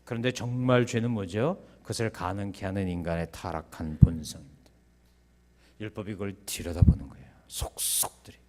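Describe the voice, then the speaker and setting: A man preaching a sermon as pastor, asking rhetorical questions and breaking into sudden loud, high bursts. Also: steady tone, fairly quick.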